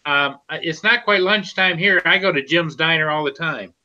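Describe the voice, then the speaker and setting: A man's voice: fairly high pitch, moderate pace, sharp tone, highs cut off. A man in his sixties chatting on a stream, cracking wry jokes and stammering on repeated words. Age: 60s. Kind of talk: casual chat on a live stream.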